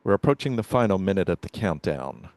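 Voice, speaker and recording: A man giving measured, explanatory live commentary on a launch as a webcast commentator. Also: sits low, sing-song, darkish tone, no room sound.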